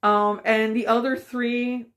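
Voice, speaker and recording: A woman's voice: a little high, little pitch movement, slow, fairly bright tone. A woman vlogger giving a casual, rambling opinion rant, frustrated and full of fillers.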